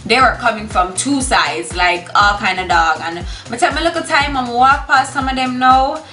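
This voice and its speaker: A roomy, echoey recording with music behind a young woman telling a casual story. She has a strong Jamaican accent and slips into Patois, in a high, bright, forceful voice. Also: normal speed. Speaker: storytime vlogger.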